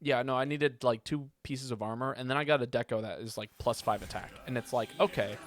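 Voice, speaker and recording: A man gives casual live gaming commentary in a mid-pitched voice. He rambles and thinks out loud as he goes. There is clear background noise behind him. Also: brisk. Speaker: game streamer.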